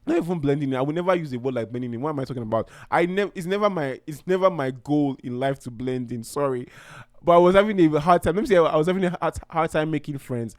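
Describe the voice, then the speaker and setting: A man's voice: fairly high pitch, fast talker, dry recording, clean studio sound. A young man from Nigeria hosting his own podcast in a casual, heartfelt way, rambling and often restarting his sentences. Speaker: podcast host. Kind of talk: casual solo podcast talk.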